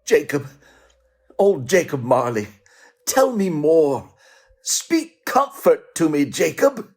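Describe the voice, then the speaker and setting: An actor playing a querulous, skeptical old miser who is easily frightened, in a theatrical radio play. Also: male voice, on the high side, big pitch swings, slow, darkish tone, slightly rough, heavily acted. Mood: pleading. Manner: dramatic, querulous.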